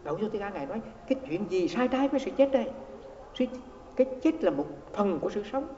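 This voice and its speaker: A man's voice: high-pitched, very animated, fast, dark tone, slight background noise. Man preaching in an echoey hall. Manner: storytelling, repeats words, acts out quoted exchanges. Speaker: Buddhist monk teacher. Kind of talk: dharma talk sermon. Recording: echoey hall, dull lo-fi sound.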